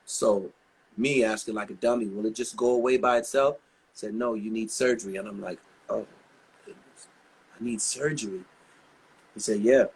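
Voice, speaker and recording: A man's voice: on the low side, husky. A man in his sixties, a singer being interviewed, telling long chatty stories full of asides. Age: 60s. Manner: chatty, rambling anecdotes with many asides. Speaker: guest singer. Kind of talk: casual interview storytelling.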